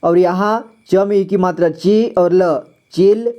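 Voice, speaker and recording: A man teaching a reading lesson, sounding out syllables slowly, repeating each word and quizzing the listener. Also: sits high, steady tone, muffled recording. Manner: patient, repeats words, quizzes the viewer. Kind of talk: slow classroom-style reading lesson.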